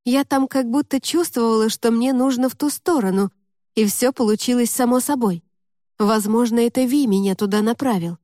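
A woman's voice: a little high, normal speed, dark tone, no room sound, clean studio sound, lightly acted. A woman voicing a guarded, impulsive teenage girl in an audiobook, speaking warily and hesitantly. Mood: wary. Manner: wary, hesitant speech.

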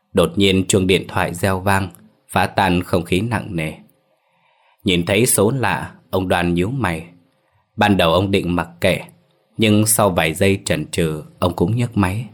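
Male ghost-story narrator, deep voice, somber read. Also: a little slow.

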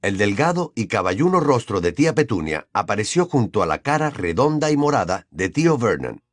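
A man narrating an audiobook in an expressive storytelling manner. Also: fairly low pitch, brisk, no room sound, clean studio sound. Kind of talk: scripted narration.

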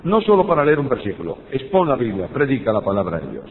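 A man's voice: sing-song, fast talker. An older man with a Spanish accent from Spain teaches about preaching, speaking emphatically and putting rhetorical questions to his listeners. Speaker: Bible teacher. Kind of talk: teaching on preaching, with personal anecdotes. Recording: tinny phone-like audio with long hall reverb and faint rumble.

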